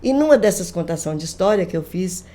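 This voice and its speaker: An older woman, a grandmother, chatting on a podcast and retelling family stories with lively quoted voices. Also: on the low side, fast talker. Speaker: guest, folklorist. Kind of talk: casual storytelling conversation.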